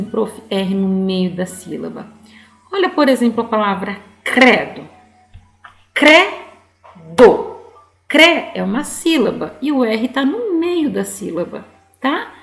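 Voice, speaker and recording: A woman's voice: mid-range voice, gravelly, echoey room. A woman teaching young children to read online, patient and coaxing. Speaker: primary school teacher.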